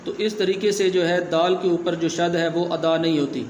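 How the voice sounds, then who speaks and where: A man gives a patient, spelled-out reading lesson, sounding out each word syllable by syllable. His voice sits a little high and stays level and even, with little rise or fall. The room is echoey, with a faint hum of background noise. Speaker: Quran reading teacher.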